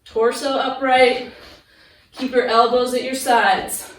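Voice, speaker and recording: A woman with a fairly high voice coaches a workout like a fitness influencer, giving clear form cues and encouragement. She speaks in slow, spaced-out instructions and counts. The recording is very echoey, as if in an open room. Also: steady tone, a little hiss or hum. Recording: echoey room, distant microphone.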